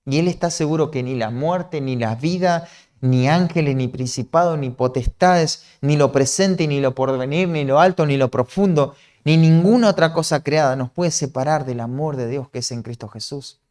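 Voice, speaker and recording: A man's voice: on the high side, moderate pace, a little mellow. A man from Argentina with a Rioplatense accent, preaching an earnest, explanatory sermon that often checks in with a questioning "¿no?". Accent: Rioplatense Spanish.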